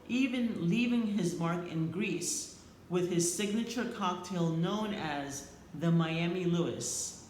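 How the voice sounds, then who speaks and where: A middle-aged or older woman reads a prepared eulogy in a tender, solemn, slightly faltering way with deliberate phrasing. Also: lowish voice. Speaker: eulogist, family member. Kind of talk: prepared eulogy read aloud. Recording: echoey room, faint background noise.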